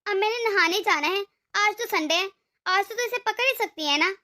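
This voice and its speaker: A woman's voice: very high voice, moderate pace, pushed and bright. A woman voicing a tired, grumbling older mother-in-law in a cartoon, weary and self-pitying. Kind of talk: cartoon dub voice acting.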